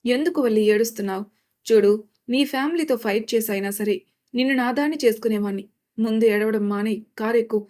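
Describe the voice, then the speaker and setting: A woman's voice: a little high, brisk, mellow, natural voice. A woman voicing a devoted young man who firmly reassures the woman he loves. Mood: soothing. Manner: reassuring, firm.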